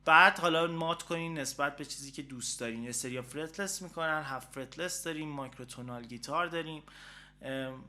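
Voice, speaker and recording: Guy from iran doing a casual guitar lesson, high voice, lots of ums and uhs, stops to play stuff. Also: bright, forceful tone. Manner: chatty and rambling, with frequent filler sounds; breaks off to play examples on the guitar. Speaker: guitar teacher and show host.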